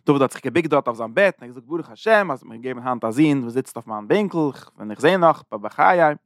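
Fast-talking male scripture teacher. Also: mid-range voice, animated, no room sound, studio quality. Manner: rapid, run-on explaining with many restarts; retells the story in plain everyday terms. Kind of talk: retelling a biblical chapter as a lesson.

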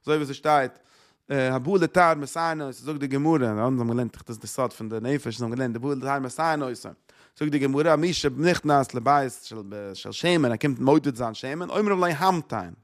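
A man's voice: medium pitch, brisk. A man teaching a Torah lecture, repeating phrases and asking rhetorical questions. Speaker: religious teacher.

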